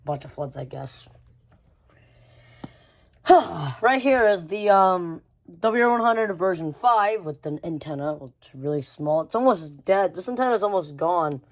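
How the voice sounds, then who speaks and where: A woman who collects radios gives a casual, unscripted show-and-tell of her collection, rambling and often repeating phrases. Her voice is lowish, expressive and unhurried.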